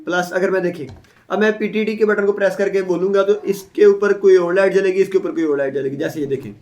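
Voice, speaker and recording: A product reviewer with a high voice and steady tone talks fast, sounding a little mellow. He casually unboxes and demonstrates a product step by step, often tossing in small tag phrases to check in, in an echoey room.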